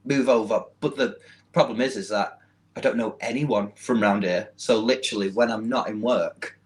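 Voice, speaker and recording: A young man with a Mancunian accent chats easily as a podcast guest. His voice sits on the low side, and he laughs often and pokes fun at himself. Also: normal speed, poor audio. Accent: Mancunian English. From Manchester, England. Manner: chatty, laughs often, self-deprecating. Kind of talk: casual chat.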